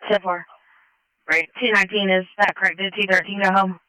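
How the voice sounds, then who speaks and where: A woman's voice: mid-range voice, little pitch movement, a little fast, sharp tone, smooth, dry recording, rough recording. A woman dispatching units over police radio with clipped procedural calls.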